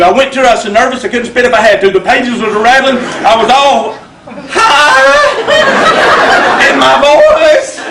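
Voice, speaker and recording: A man giving a funny, folksy motivational talk on stage to a live audience. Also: very high voice. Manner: folksy, drawling storyteller with punchlines. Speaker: motivational speaker. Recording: roomy hall, distant mic, loud noise.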